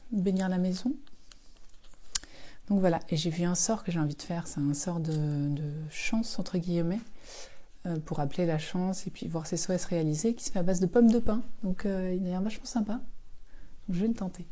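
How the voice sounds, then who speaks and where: A hoarse middle-aged woman with a voice that is giving out. Her tone is dark and mellow, and she rambles with plenty of fillers as she chats through her day in a casual knitting vlog. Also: lowish voice. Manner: chatty, rambling, many fillers. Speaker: knitting vlogger.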